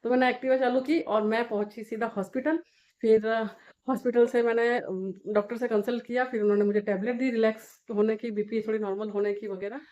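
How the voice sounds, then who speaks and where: A woman's voice: on the high side, fairly quick, dull audio. A young woman, venting animatedly in a casual daily vlog. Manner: animated, exasperated ranting. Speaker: vlogger, home beauty service worker. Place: Jaipur.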